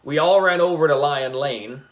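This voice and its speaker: A man reading a children's chapter book aloud, unhurried, giving quick voices to the characters and dropping in asides. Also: fairly high pitch. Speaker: audiobook reader.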